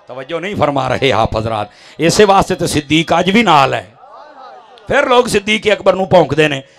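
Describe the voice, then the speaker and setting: Punjabi-accented male preacher, high and very lively pitch, bright edge, impassioned shouting sermon. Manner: impassioned, swings from murmurs to shouted climaxes. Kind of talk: fiery Punjabi sermon to a crowd.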